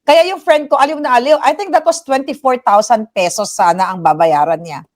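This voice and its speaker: Middle-aged Filipina host, casual chatty storytelling, slightly high voice, switches between Tagalog and English, acts out quoted voices. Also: a little fast. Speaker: livestream commentary host. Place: home in the United States.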